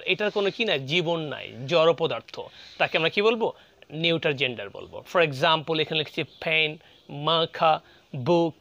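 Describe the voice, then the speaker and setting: A man's voice: high-pitched, fairly bright tone. A man with a Bengali accent teaching English grammar, explaining patiently and repeating example words aloud. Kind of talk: classroom lecture. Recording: muffled lo-fi recording.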